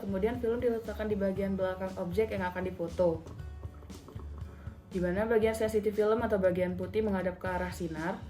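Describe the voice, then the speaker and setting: Her mid-range voice has a warm tone, and the recording is reverberant. A young woman in dental school demonstrates radiography methodically, step by numbered step, politely speaking to a role-play patient for instructional purposes.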